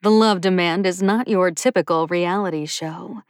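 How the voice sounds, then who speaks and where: A woman's voice: fairly low pitch, moderate pace, dry recording, clean studio sound, lightly acted. A woman doing a sultry, showy TV announcer. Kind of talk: audiobook character voice.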